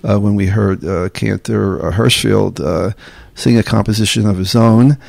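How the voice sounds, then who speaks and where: Halting male host full of fillers. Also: lowish voice, steady tone, vocal fry, darkish tone, dry recording. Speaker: interview host. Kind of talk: casual interview.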